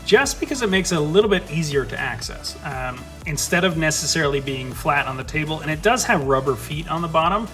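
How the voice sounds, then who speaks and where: A man's voice: a little high, animated, a little fast, hardly any pauses, pushed and bright, faint music behind. A young man and streamer giving a casual, enthusiastic tour of his home desk setup, swearing now and then as he rambles through his gear, recorded on a studio mic. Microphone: studio USB/XLR dynamic mic.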